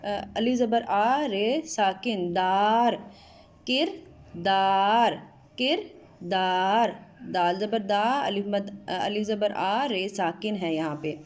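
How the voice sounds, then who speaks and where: A woman teacher from Pakistan giving an online Urdu lesson to students, drawing out each word slowly as she spells it. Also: mid-range voice, darkish tone. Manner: slow, drawn-out spelling of words. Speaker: school teacher.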